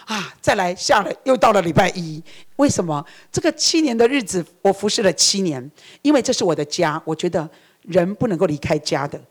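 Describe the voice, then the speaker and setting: A woman's voice: lowish voice, expressive, a little fast, breathy edge. A middle-aged woman, preaching a sermon. She tells her own story earnestly and acts out the prayers she quotes. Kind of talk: sermon with personal testimony.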